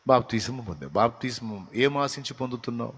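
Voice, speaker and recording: Telugu pastor preaching in a reverberant hall. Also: male voice, mid-range voice, animated, quick pace, slightly rough. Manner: preaching with rhetorical questions to the congregation. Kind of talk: sermon.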